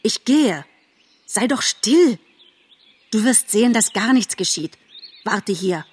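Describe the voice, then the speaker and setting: A woman's voice: medium pitch, expressive, takes it slowly, husky. A woman voicing an earnest young male deer who soothes his mate and tries to act brave, in a storybook reading. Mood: resolute. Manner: coaxing, earnest.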